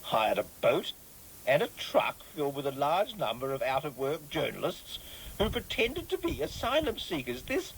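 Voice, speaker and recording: A man's voice: high-pitched, slight background noise, heavily acted, low-quality recording. A man playing a prim, officious government inspector in a radio comedy sketch, prying and pompous. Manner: pompous, prying, sing-song emphasis.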